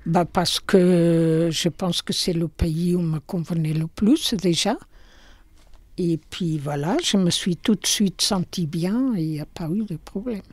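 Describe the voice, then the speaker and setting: An older Portuguese woman who runs a small shop is interviewed there, speaking slowly and hesitantly with a Portuguese accent and many fillers. Her voice is on the low side and a little mellow, with no room sound.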